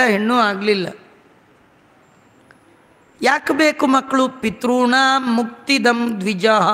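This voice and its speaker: Male religious speaker, high voice, unhurried delivery, verse chanting with folksy asides, reverberant hall. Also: pushed and bright. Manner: chants Sanskrit verses slowly, then explains with homely humor. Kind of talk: Kannada religious discourse.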